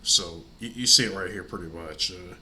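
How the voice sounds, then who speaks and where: In a casual vlog chat from home, an older, congested-sounding man rambles about movies for his channel. His voice sits low, bright and forceful, at normal speed, with a little hiss or hum in the audio.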